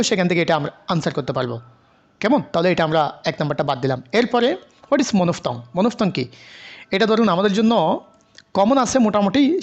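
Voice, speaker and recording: High-voiced man tutoring exam questions. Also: lo-fi sound. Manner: mixes Bengali and English, many filler pauses, repeats himself. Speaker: online English literature tutor. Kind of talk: exam-prep lecture going through a question list.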